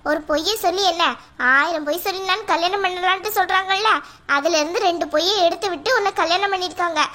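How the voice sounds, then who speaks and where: Woman doing a squeaky worried cartoon mother. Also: fast, bright, forceful tone. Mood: pleading. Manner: fretful, pleading. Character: worried middle-aged mother. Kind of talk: cartoon voice acting.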